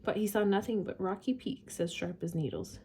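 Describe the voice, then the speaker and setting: A woman reading a storybook aloud chapter by chapter, at an unhurried pace. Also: mid-range voice, warm tone, a little hiss or hum.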